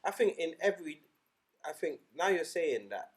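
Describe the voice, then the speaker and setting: A man co-hosting a casual podcast chat, animated and emphatic, often swearing. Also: a little high, normal speed, husky. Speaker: podcast co-host.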